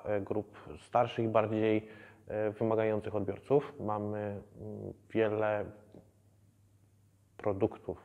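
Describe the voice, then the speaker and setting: A man in his thirties, a museum educator, explaining the exhibition in a measured way with many hesitations. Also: fairly low pitch, a little mellow, big-room sound, lo-fi sound. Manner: measured, with frequent hesitation fillers. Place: museum exhibition hall, indoors.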